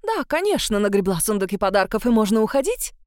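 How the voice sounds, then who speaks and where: A woman's voice: lively intonation, normal speed, darkish tone, dry recording, clean studio sound, close to an everyday voice. A woman reading an audiobook voices a spiteful, sanctimonious old countess who hisses and scolds with scorn. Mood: sneering. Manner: hissing, scornful, shrill scolding. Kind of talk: audiobook character voice.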